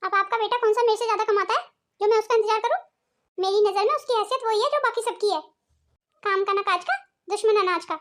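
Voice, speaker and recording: A woman voicing a young, bossy, earning daughter-in-law in a cartoon, speaking in a sharp, scornful, boastful way. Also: very high-pitched, fast talker. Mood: arrogant. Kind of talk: cartoon voice acting.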